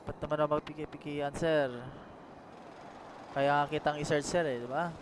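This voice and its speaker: A man plays a pushy, insistent police sergeant in a game role-play, tacking "sir" onto nearly every line. The man playing him has a slightly raised voice. Loud street and car noise runs underneath the talk. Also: on the high side, level tone, normal speed, natural voice. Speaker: roleplay player voicing a police officer.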